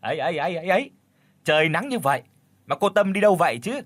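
A man's voice: high-pitched, big pitch swings, fast talker, a bit bright, no room sound, voice pushed up, exaggerated voice. A man voicing a poor, lame young village man who jeers and teases in a spoken story. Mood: jeering. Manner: jeering, teasing.

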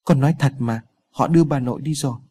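Guy doing a scared little girl crying in a spooky story, husky, voice jumping around. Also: mid-range voice, big pitch swings, brisk, dark tone. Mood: sobbing. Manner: sobbing, insistent. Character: frightened young girl sobbing.

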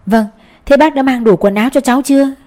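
A genial middle-aged male schoolteacher, as a woman narrator puts him on, who rambles on in a friendly, wordy way. The voice sits a touch above her usual range, with a soft, mellow tone. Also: high-pitched, quick pace, voice pushed up, lightly acted.

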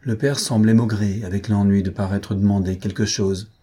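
A man narrating a story aloud with calm, measured delivery. His voice is low and husky, with a dark, mellow colour.

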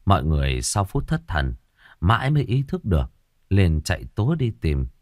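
A man telling a ghost story with dramatic flair. His pitch moves a lot as the tension builds, and the recording is dry and close, with no room sound. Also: normal speed, dry recording. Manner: dramatic, expressive. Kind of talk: horror story narration.

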